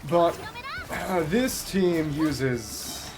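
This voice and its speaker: Over game music, a streamer with a higher-pitched voice, lively intonation, and drawn-out words offers casual gameplay commentary. He explains the mechanics wordily and in an understated manner.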